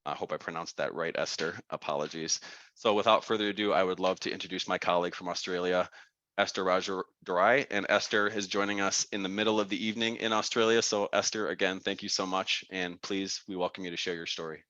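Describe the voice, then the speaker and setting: A man's voice: low-pitched, flat delivery, a little fast, sharp tone, no echo, dull audio. A man hosting an online webinar, giving an earnest, formal introduction with frequent fillers and restarts, heard over a video call. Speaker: webinar host, foundation director. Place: home or office, video call.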